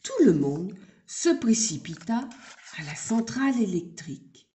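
A woman reading a children's story aloud in a gentle, unhurried way. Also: mid-range voice, sing-song.

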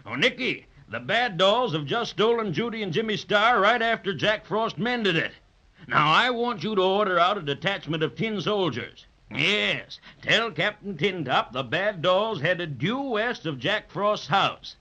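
A man's voice: sits high, lively intonation, measured pace, pushed and bright, heavily acted. An actor playing Santa Claus as a kindly, folksy, reassuring old man in a 1930s children's radio play. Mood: kindly, busy. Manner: avuncular, soothing, folksy. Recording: dull lo-fi 1930s radio recording.

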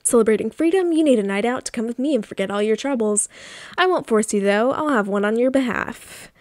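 A woman putting on a slow, teasing drawl for a flirty, party-loving friend in a story game. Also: on the high side, expressive, darkish tone, no echo, clean studio sound, close to an everyday voice.

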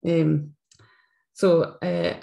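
Speaking through a webcam on a video call, this middle-aged woman with a Scottish accent hosts a live teaching webinar. Her low, gravelly, mellow voice is very animated and stretches words out as she warmly explains activities, filling gaps with frequent fillers.

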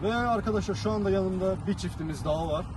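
A man's voice: high-pitched, fast. Man hosting casual interviews over street noise. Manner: repeats answers back. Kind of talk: casual vox-pop presenting. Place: outdoors on a city street. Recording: clear outdoor traffic noise.

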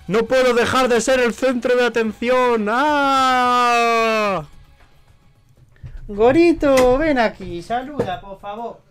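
A man's voice: extremely high pitch, measured pace, few pauses, no room sound, soft background music. A man with a Spanish accent from Spain, joking through a let's play and slipping into mock-dramatic cries. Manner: animated, jokey, slips into mock-dramatic cries. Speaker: gaming YouTuber.

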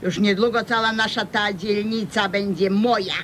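In a radio comedy serial, an actress plays a brash, scheming hustler with a Podlasie eastern Polish accent, bossy, wheedling, and defiant. Her lightly acted delivery runs at normal speed with fairly even intonation and a fairly bright tone, over faint rumbling background noise.

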